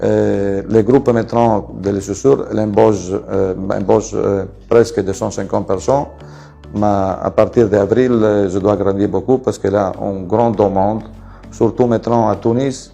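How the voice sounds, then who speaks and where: A man with an Italian accent talks about his businesses in a low, warm voice. He pauses on fillers and restarts his sentences often. Faint music plays behind him. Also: steady tone, gravelly. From Venice region, Italy. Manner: halting, many fillers and restarts. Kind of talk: presenting his company to camera.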